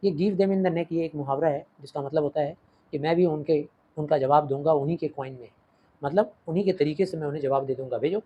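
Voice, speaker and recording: Indian teacher guy going through a play line by line, kinda high husky voice, mixes hindi and english. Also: brisk, highs cut off. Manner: explains line by line, switching languages. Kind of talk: Hindi-English literature lesson.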